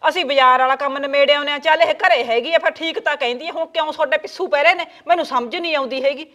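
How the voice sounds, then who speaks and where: A woman's voice: high-pitched, rapid-fire, a bit bright. A woman playing a bossy older mother-in-law in a village family, talking bluntly and scolding, with a Punjabi village accent. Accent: Punjabi village speech.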